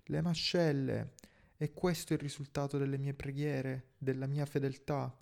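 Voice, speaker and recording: A man voicing a panicking, devout middle-aged first mate who shouts orders and prays. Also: mid-range voice, flat delivery, a little slow, gravelly. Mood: frantic. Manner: frantic shouted orders, praying.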